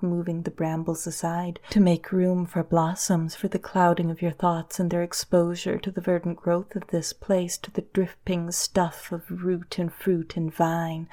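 A woman softly guiding a hypnosis in a lulling, breathy voice that often drops to a whisper, close in the listener's ear. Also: fairly low pitch. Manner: slow, soothing, lulling delivery. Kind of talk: whispered guided hypnosis, ASMR.

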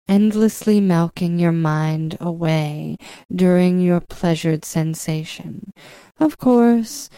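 Adult woman, smooth and mellow, intimate hypnosis narration delivered right in the ear, coaxing yet commanding. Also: deep voice, no echo. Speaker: hypnosis audio performer.

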